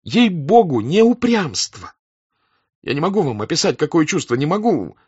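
A man's voice: deep voice, animated, slow pace, sharp tone, slightly rough, no room sound, heavily acted. A man voicing a flustered, proud young count who pleads and stammers on the verge of tears, on a dull, dry lo-fi recording. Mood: insistent.

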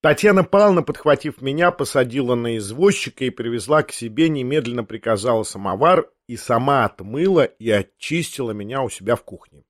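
A man reading a literary audiobook in measured, expressive storytelling. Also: mid-range voice, dry recording, studio quality. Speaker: audiobook narrator.

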